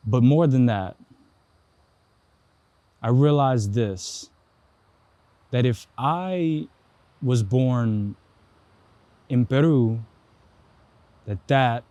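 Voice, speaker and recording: Talking directly to the camera, a young man narrates his travel vlog in a slangy, casual, reflective manner. He has a mid-range voice on a dry recording with loud background noise.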